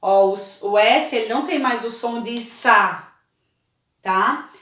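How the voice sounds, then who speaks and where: A woman teaching a children's spelling lesson, slow and patient, often checking in with her pupils. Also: a little high, fairly bright tone. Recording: echoey room, voice a bit far from the mic.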